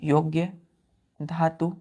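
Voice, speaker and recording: A woman teaches a vocabulary lesson in a low, unhurried voice. She repeats words and spellings patiently and keeps asking her students whether it is clear. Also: flat delivery, dark tone. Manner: slow, repetitive, checks understanding often.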